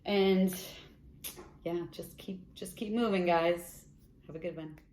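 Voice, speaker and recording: A woman's voice: on the low side, steady tone, slow, a little mellow. Echoey woman fortune teller reading cards. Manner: chatty spiritual-advice delivery with frequent check-in tags like "okay" and "right". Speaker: tarot card reader, host. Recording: echoey room with faint background noise.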